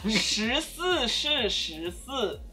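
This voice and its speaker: A young woman, a native Chinese speaker, talks in a high, bright voice that swings around a lot. She is teasing and giggly, bantering casually through tongue twisters at an unhurried pace. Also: very animated, faint music behind. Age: young adult. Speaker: host teaching tongue twisters. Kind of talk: playful casual video banter. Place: living room couch, indoors.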